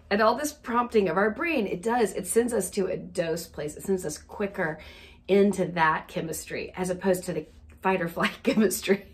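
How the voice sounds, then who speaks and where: Woman chatting through funny stories, voice swinging up and down a lot, keeps laughing. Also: medium pitch. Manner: animated, laughs often while telling stories. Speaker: wellness storyteller. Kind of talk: casual storytelling monologue.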